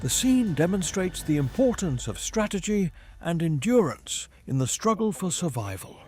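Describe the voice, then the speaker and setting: A man reads scripted nature documentary narration in a measured, formal storytelling manner. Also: high-pitched, very animated, a little mellow. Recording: music behind the voice. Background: background music.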